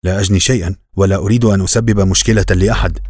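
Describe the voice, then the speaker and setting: A man voicing a weary male prisoner who speaks quietly and tiredly in an audiobook. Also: sits low, fairly even intonation, racing, no echo, studio quality.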